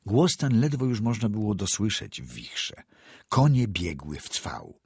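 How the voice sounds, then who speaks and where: A man narrating classic prose as an audiobook reader, measured and descriptive. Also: fairly low pitch, sing-song, darkish tone, husky, dry recording, studio quality.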